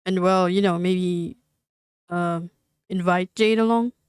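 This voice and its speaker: A woman's voice: fairly low pitch, fairly even intonation, slow, a little mellow, clear, resonant tone, no room sound, clean studio sound. A woman reading as a sheepish, stammering young man. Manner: stammering, apologetic. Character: cheerful awkward young man.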